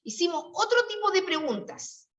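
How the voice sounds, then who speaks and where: A woman's voice: very high voice, very animated, normal speed, a bit bright. A Chilean woman teaching a class, explaining patiently and coaxing her students with questions. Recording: distant, roomy and dull-sounding.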